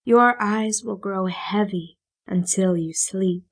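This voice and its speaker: A woman voicing a female hypnotist who counts down in a breathy, murmuring sing-song, as whispered role-play. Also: mid-range voice, slow pace. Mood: hypnotic.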